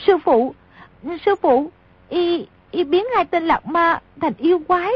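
A woman voicing a frightened, indignant young girl who speaks in sharp, shrill outbursts, in a slightly dull recording. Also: brisk. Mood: panicked.

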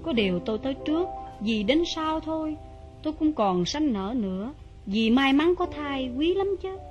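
Young wife, gentle but proud, high soft voice, music playing clearly behind. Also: female voice, big pitch swings, normal speed, lo-fi sound. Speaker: actor. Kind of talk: stage drama acting.

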